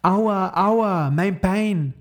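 A man voicing a hurt young boy in a storybook, in a high, pained childlike voice. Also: expressive, normal speed, darkish tone.

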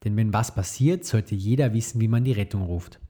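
A man reading the lines of a calm, caring mother in a storybook, slow and patient. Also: lowish voice, slightly rough.

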